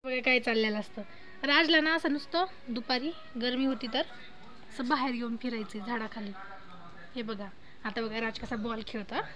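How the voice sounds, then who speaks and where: A woman's voice: on the high side, moderate pace, fairly bright tone, low-quality recording. A young woman filming her baby outdoors under the trees, chatting to the camera and coaxing the child in a sing-song voice. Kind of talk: casual home vlog, talking to camera and baby.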